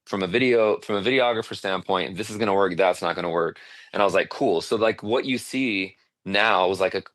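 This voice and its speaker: Man, very low voice, dry studio sound, casual interview guest, animated storyteller, lots of fillers. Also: a little fast, no room sound. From Arizona. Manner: animated storyteller, many fillers, laughs often. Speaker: singer-songwriter guest.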